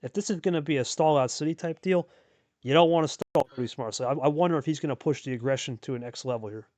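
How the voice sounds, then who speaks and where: Hosting and commentating on a card game match, a man talks fast in a slightly high, darkish-toned voice, with no echo. His play-by-play is casual and chatty, and he repeats phrases to emphasize points.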